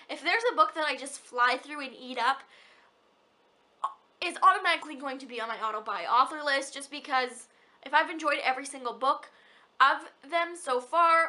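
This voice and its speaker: A young woman with a bright, high voice chats casually and personally about books she loves. As a book vlogger, she gushes and rambles in a hyper way, frequently breaking off and restarting her sentences.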